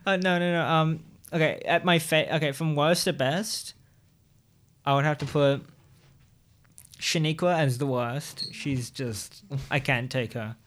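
Male podcast host, slightly high voice, R's come out as W's, casual comic banter, stumbles and repeats himself. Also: fairly bright tone. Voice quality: lisp, can't pronounce R's, says w for r. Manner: halting, repetitive, jokey.

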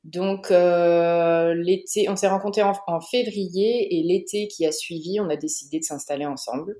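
Low-voiced French woman, hesitant. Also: steady tone, moderate pace, mellow, roomy sound. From Paris region, France. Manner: hesitant, many "euh" fillers and restarts. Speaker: guest. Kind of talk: podcast interview, personal testimony.

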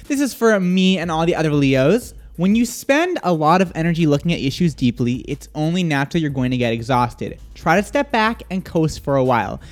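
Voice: medium pitch, fairly quick, hardly any pauses. A radio show host in casual morning chat, laughing often and reading horoscopes. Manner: giggly, animated, laughs often.

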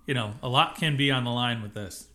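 A man's voice: mid-range voice, brisk, pushed and bright. A man co-hosting a podcast, chatting casually and rambling through an episode recap with many self-corrections. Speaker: podcast co-host.

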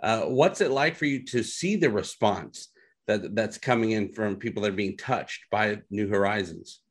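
A man's voice: lowish voice, normal speed, husky. Young male podcast host: casual, laughs easily, hesitant fillers. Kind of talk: podcast interview.

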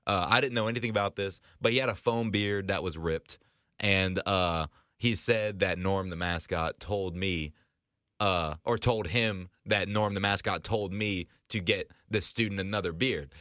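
A young man in his twenties tells a rambling story as a casual podcast guest, stumbling over restarts and laughing between lines. His voice sits a bit low but sounds bright and forward. The recording is close and dry. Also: steady tone, normal speed, no echo. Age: 20s. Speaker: in-arena host and announcer.

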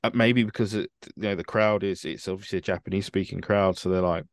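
A man's voice: low voice, steady tone, fast, no room sound. A man hosting a casual podcast chat, giving dry, opinionated takes with wry asides. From United Kingdom. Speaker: podcast host.

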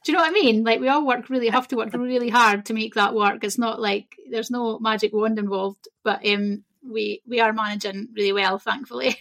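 A woman's voice: on the high side, fairly quick, vocal fry, few pauses. Chatty Scottish woman guest. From Scotland. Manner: chatty, laughs easily, animated bursts. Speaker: guest, shamanism teacher. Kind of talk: casual interview chat.

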